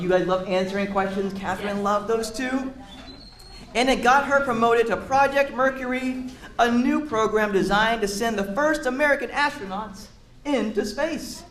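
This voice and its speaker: A man with a very high, fairly bright voice reads a picture book aloud to a group of children at a moderate pace, encouraging them and stepping aside to explain words and ask questions. They're in a roomy indoor space, and the recording is echoey.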